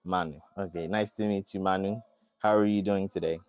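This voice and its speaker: Male host-interviewer, casual and loose, warm mellow tone, dry sound. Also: deep voice, steady tone, fairly quick, clear, resonant tone, no echo. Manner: casual, loose phrasing with fillers.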